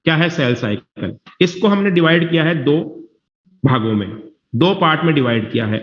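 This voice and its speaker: Teacher guy, highish voice, keeps checking if the class gets it, roomy muffled recording. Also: lively intonation, moderate pace. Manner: reassuring, repeats himself, checks whether students follow. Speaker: biology teacher. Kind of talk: classroom lecture. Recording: dull, echoey classroom recording.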